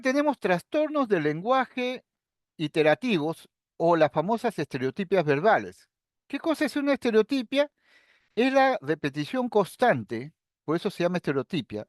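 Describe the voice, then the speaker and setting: A middle-aged man with a high voice gives a lecture. He explains things calmly, point by point, and often turns to his students. The sound is dry and close, with no room echo. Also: normal speed. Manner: explains calmly and step by step, addressing students directly. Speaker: psychiatry lecturer. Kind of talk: recorded lecture.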